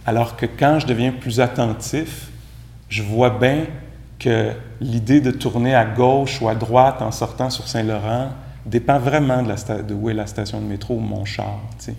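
A man's voice: medium pitch, steady tone, normal speed, vocal fry, darkish tone. Casual Quebec-accented man teaching Buddhism. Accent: Quebec French. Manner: casual, conversational, many "tu sais" fillers. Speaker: meditation teacher. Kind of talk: dharma talk. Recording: echoey room, faint background noise.

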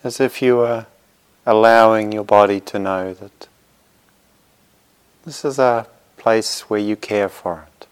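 A male meditation teacher settles his students into practice with a fairly low, very smooth voice, gentle and reassuring. He talks slowly in a steady tone, in short, well-spaced phrases, pausing often.

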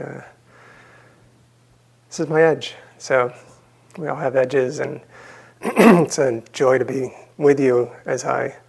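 A man in his thirties, a meditation teacher giving a dharma talk from a stage, with a croaky voice, speaking hesitantly with many pauses and fillers. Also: medium pitch. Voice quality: croaky, gravelly voice. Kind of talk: dharma talk to a retreat audience.

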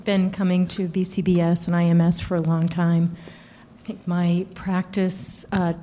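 A woman, a retreat participant, introducing herself to the group in a soft, hesitant way. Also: fairly low pitch, flat delivery, moderate pace.

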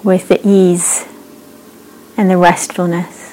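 Soft-spoken woman guiding a meditation. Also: on the low side, level tone, slight background noise, poor audio. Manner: slow, gentle, with long pauses. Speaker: meditation teacher. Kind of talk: guided meditation.

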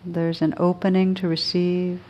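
Speaking with a fairly low pitch and a flat delivery, a woman teaches a guided meditation. She is gentle, soothing and unhurried, pausing at length between phrases, on a lo-fi recording.

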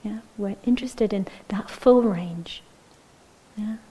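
A woman meditation teacher giving a gentle, unhurried dharma talk, often checking in with "yeah?" and sometimes dropping to a near-whisper. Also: mid-range voice, breathy edge, rough recording.

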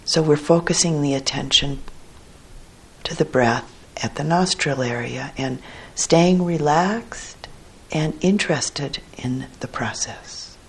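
Leading a guided meditation, a woman speaks in short, gentle phrases with pauses between them, her tone measured and her voice low and husky. It's a rough recording.

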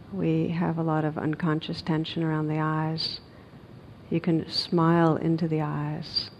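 A woman's creaky voice guides a meditation very slowly and evenly. As a meditation teacher, she speaks gently without rushing, pausing at length between brief phrases. There's a faint noisy rumble on a slightly dull recording.

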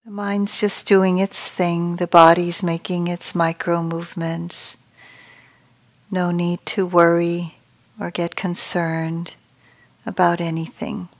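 A woman leads a guided meditation, her fairly low voice level and soft. She moves gently and without rushing, pausing at length, and each phrase trails off breathily.

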